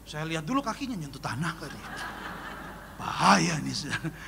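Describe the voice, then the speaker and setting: A man, a pastor, preaching an animated sermon and telling joking stories full of acted-out dialogue. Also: on the high side, fairly quick, vocal fry. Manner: animated, joking, acts out dialogue in his story. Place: church hall. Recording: long hall reverb, faint noise.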